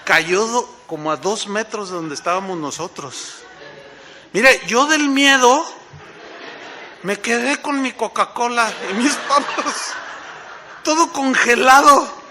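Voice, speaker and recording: A pastor from Mexico with a Mexican accent, preaching a sermon through animated stories and rhetorical questions. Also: male voice, very high-pitched, slow, noisy background.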